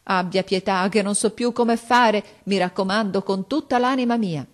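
A woman voicing a desperate, grey-haired older mother who begs and cries with high, loud, imploring speech. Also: normal speed, natural voice. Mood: pleading. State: crying.

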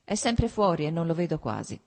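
A sensible young married daughter, quiet and a little ironic, read by a woman narrator. Her voice is husky and low. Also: big pitch swings, brisk, full character voice. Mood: dry.

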